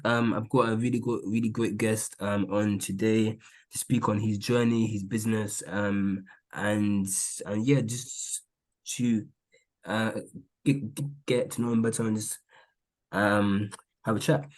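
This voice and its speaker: A man's voice: lowish voice, little pitch movement, unhurried. A man hosting a casual podcast, opening hesitantly with many fillers and restarts. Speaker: podcast host.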